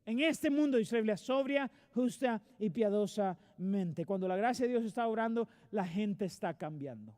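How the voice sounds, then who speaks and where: A man's voice: high voice, lively intonation, fairly quick, hardly any pauses, darkish tone. A male pastor preaching a sermon in a church, earnest and direct with his congregation. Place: church sanctuary.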